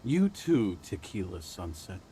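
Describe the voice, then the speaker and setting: A wheedling drunk vagrant. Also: male voice, low-pitched, big pitch swings, a little slow, mellow, a little hiss or hum. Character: down-and-out drunk man swapping stories for booze. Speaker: game character.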